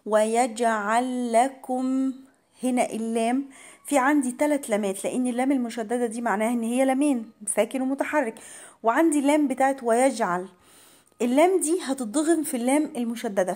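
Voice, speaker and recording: Egyptian woman teaching slow Quran recitation. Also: on the high side, mellow. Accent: Egyptian Arabic. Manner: patient, drawn-out chanted verses, then brisk colloquial explanations. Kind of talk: tajweed lesson, slow chanted recitation between quick explanations.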